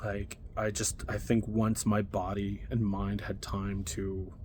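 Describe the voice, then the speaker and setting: A man in his thirties from Long Island, New York, telling a personal story in a reflective, halting way with many fillers. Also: on the low side, little pitch movement, noisy background.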